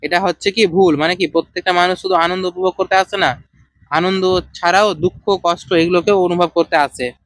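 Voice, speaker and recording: A man with a Bengali accent, teaching an English textbook lesson line by line, slowly and haltingly, with fillers and questions to his students. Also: high-pitched, fairly even intonation, a bit bright, no echo. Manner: slow, halting, with many fillers and rhetorical questions.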